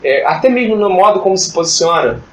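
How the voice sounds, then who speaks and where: A man's voice: high-pitched, lively intonation, fast talker, fairly bright tone. Chatty man teaching a Bible study. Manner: chatty, joking, acts out classroom dialogue. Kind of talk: informal Bible study talk. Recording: echoey room with background noise.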